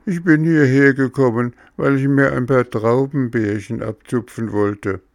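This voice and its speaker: A man's voice: mid-range voice, fairly even intonation, a little slow, creaky, dry recording, clean studio sound, pitched above the performer's own voice. A man voicing a hungry wooden puppet boy who pleads tearfully, in a storybook reading. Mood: sobbing.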